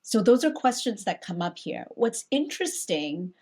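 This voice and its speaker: A woman from Hong Kong, a pastor, talking through a Bible passage in a reflective, conversational way, with frequent restarts and animated asides. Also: fairly high pitch, normal speed.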